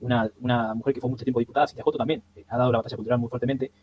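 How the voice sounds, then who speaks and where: A man's voice: medium pitch, flat delivery, darkish tone, slight background noise. A man from Argentina with an Argentine accent, commenting on video clips in a casual, chatty way. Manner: quick, chatty, with chuckles and restarts.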